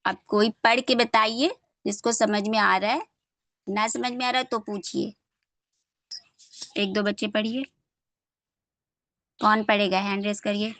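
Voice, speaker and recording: A young woman teaching an online class, who patiently drills letter sounds slowly and repeats them over a video call. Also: medium pitch, steady tone, fairly bright tone, no echo. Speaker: online Quran reading teacher.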